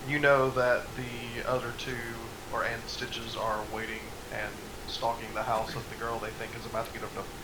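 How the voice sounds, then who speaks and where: A man's voice: medium pitch, level tone, moderate pace, few pauses, noisy background. A man running a tabletop game as game master, talking loosely and casually and swearing freely. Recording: roomy echo.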